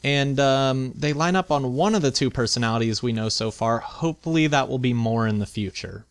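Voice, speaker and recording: A man's voice: medium pitch, a little fast, clear, resonant tone, no echo. A man giving casual, chatty video game commentary, thinking aloud with playful mock indignation as he hosts. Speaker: video game let's play host.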